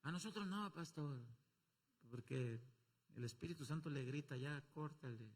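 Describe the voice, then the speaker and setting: A man with a Mexican accent preaching a sermon as pastor, swinging from loud calls to low asides and acting out quoted voices. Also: animated, moderate pace, breathy edge. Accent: Mexican Spanish. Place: church.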